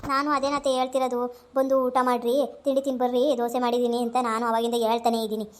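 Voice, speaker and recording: A woman's voice: fairly high pitch, flat delivery, fast, lightly acted. An actress playing a worried young wife, pleading and insistent as she urges her husband to eat. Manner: pleading, insistent, repeating herself. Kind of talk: amateur family drama skit.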